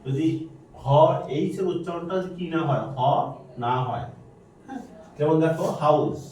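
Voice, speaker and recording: A man's voice: fairly high pitch, animated, normal speed, a little mellow, recorded from a distance, a little hiss or hum. A male teacher, quizzing his students with repeated questions during a grammar lesson. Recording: very echoey room, voice from afar.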